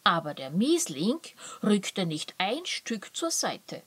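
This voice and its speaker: A woman calmly reading a children's story aloud. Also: mid-range voice, takes it slowly, slightly rough, dry recording. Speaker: narrator.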